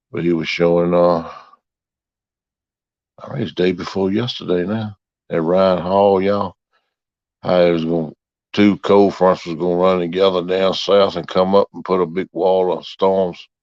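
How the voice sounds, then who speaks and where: Deep-voiced man, folksy ramble. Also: a little mellow, no echo. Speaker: livestream host. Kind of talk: casual chat with viewers. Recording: muffled, dry.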